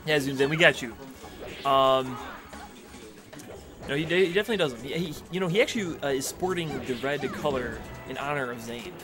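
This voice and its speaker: A man's voice: medium pitch, a little fast. A young man casually commentating a video game match, joking and rambling, often repeating his words. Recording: music playing behind.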